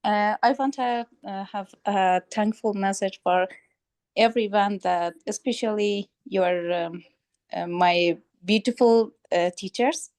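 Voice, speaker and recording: A young woman from Afghanistan gives a grateful, somewhat hesitant message over a video call. Her pitch is ordinary, and her voice comes through dry and close. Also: steady tone, slow, darkish tone, clear, resonant tone, no room sound. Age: young adult. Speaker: program participant. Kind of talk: prepared thank-you message.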